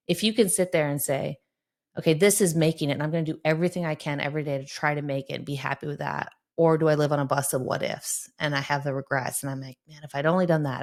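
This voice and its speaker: A middle-aged woman, a sports psychologist, speaking earnestly and encouragingly in a podcast interview, often checking in with "right?". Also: deep voice.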